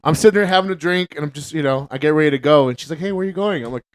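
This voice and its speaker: A man co-hosting a casual podcast, with a slightly high voice. He tells stories with lots of energy and profanity, laughs often and acts out the other people's voices. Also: racing, smooth. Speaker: podcast co-host. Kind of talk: casual chat, storytelling.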